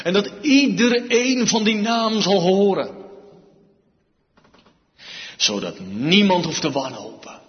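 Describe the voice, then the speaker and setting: Man, sermon, high voice, slow emphatic delivery, long church reverb, dull sound. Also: lively intonation. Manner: slow, emphatic preaching with wide swings in pitch and loudness. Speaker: preacher.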